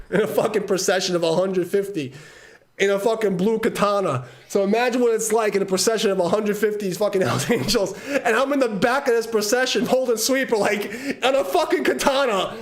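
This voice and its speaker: A middle-aged man from Brooklyn, telling a rambling story on a live stream, swearing freely and laughing between words. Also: very high voice. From Brooklyn, New York. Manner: laughs often mid-sentence, heavy swearing, repeats words as he talks.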